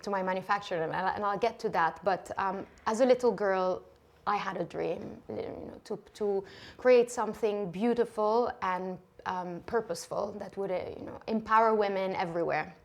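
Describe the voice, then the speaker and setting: A woman in her thirties from Lebanon, a shoe designer talking softly in a relaxed interview, with many fillers and restarts. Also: medium pitch, moderate pace, gravelly.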